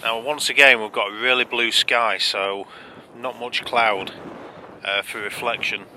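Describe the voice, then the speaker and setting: Narrating his photography vlog in a relaxed, chatty way, this British landscape photographer speaks with a medium pitch, fairly even intonation and a measured pace. There is faint noise in the background.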